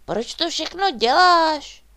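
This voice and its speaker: A woman's voice: sits high, big pitch swings, clean tone, dry recording, pitched above the performer's own voice. A woman voicing a small, cheerful male dragon in a storybook, with a curious, eager way of talking.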